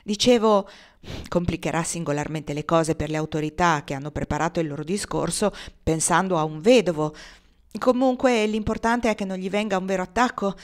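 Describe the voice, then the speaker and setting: A composed, somewhat pompous older male lawyer holds court in measured, formal sentences, as a woman reads him aloud. His speech is unhurried and deliberate. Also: fairly low pitch, lightly acted. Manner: measured, formal storytelling delivery.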